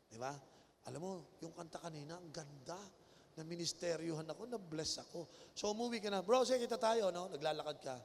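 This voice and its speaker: Animated Filipino preacher in a hall. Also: male voice, a little high, a little fast, a little hiss or hum. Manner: animated, mixing Tagalog and English, calls for audience responses. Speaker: bishop preaching. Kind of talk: sermon. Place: large convention hall. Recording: long-echo auditorium.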